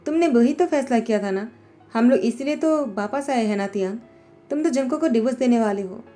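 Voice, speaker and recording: A woman's voice: fairly high pitch, fairly quick, mellow, faint music behind, natural voice. A woman voicing a meddling young man who needles the others with provoking questions. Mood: needling.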